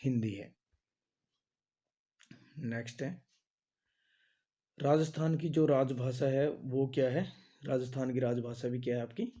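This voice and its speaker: Male tutor, exam-prep drill, very dark mellow tone, asks then repeats answers, filler-heavy delivery. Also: medium pitch, fairly even intonation, unhurried, pauses often. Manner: says "आपका" and "जो है" a lot. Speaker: teacher.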